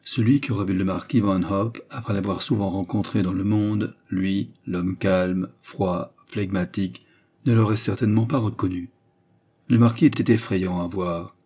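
A man reading a novel aloud as narrator, in a measured, dramatic way. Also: deep voice, mellow, breathy edge. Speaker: audiobook narrator. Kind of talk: scripted narration.

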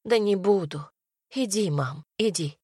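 A woman's voice: mid-range voice, a little slow, mellow, breathy edge, dry recording. Casting: woman narrator voicing a sobbing young woman in an audiobook, dry close sound. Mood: tearful. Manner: sobbing, pleading, snapping. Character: distraught young woman, tearful and pleading.

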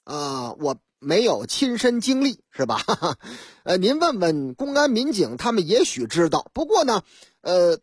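A woman's voice: fairly high pitch, breathy edge, no room sound, studio quality. A woman telling a humorous story on radio, with chatty, teasing asides to listeners.

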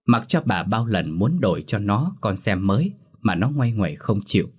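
Male horror storyteller, low and husky, measured scripted reading. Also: sing-song, a little mellow.

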